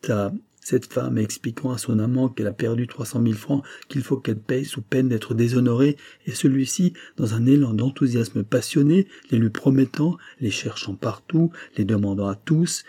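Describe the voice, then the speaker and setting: A man's voice: mid-range voice, moderate pace, few pauses, warm tone, breathy edge. A man reading aloud as a distraught middle-aged banker who speaks in an emotional, pleading way. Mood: urgent, anguished.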